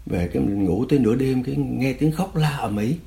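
An older man, recounting a personal story in a measured, often quiet and subdued way. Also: mid-range voice, gravelly.

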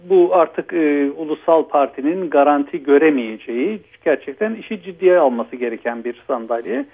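A man calling in by phone as a guest commentator, giving measured, explanatory analysis over a phone line. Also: medium pitch.

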